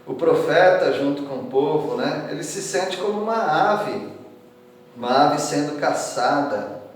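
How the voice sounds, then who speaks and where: A man's voice: on the high side, animated, a little slow, slight background noise. A man, a pastor with a Brazilian Portuguese accent, preaching an expository sermon in a conversational way, often tossing little questions to the congregation and lifting his voice to read scripture aloud. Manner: reads scripture verses aloud with rising emphasis. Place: church hall. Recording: echoey church hall from far off.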